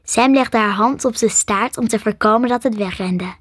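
A woman reads a children's story aloud in a steady, soft way. Her voice sits fairly high. The recording is close and dry. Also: moderate pace, dry recording. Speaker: narrator. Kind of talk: scripted storybook narration.

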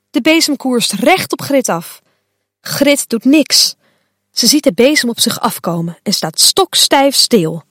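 A woman reading a children's story aloud in a playful, expressive way. Her pitch swings widely and her pace is slow and unhurried. The sound is dry and close. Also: no room sound.

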